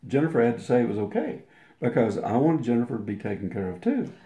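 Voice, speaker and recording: Big pitch swings and a quick pace mark this older man's warm, mid-range voice. An interview guest, he casually tells a long personal anecdote, rambling with restarts and acting out the quotes, and the recording has roomy echo.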